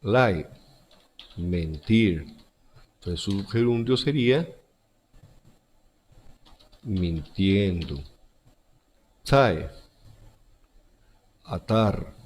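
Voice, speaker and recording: A man's voice: low-pitched, lively intonation, extremely slow, pauses often, darkish tone, a little hiss or hum. A male teacher giving a recorded grammar lesson to schoolchildren, repeating each example word and rule. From Central America.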